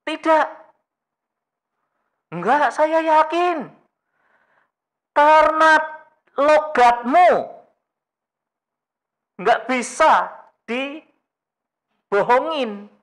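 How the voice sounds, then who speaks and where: A man's voice: extremely high pitch, extremely slow, long pauses, fairly bright tone, voice pushed up, heavily acted. A male preacher voicing a scornful woman who accuses a man of lying. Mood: accusing. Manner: accusing, pushy.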